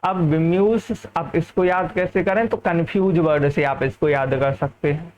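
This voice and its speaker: A man from India teaching a lively English vocabulary lesson, often checking whether the class has understood. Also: fairly high pitch, moderate pace.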